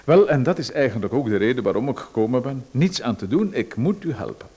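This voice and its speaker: In a radio play, a male actor voices a pushy, ingratiating man who forces his help on someone while hinting at danger. His medium-pitched voice is dark-toned, slightly rough, very animated and fairly quick. The mood is insinuating, the manner insistent with a veiled threat.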